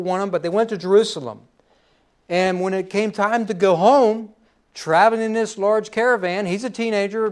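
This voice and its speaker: High-voiced middle-aged man preaching. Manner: folksy storytelling with personal asides. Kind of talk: sermon.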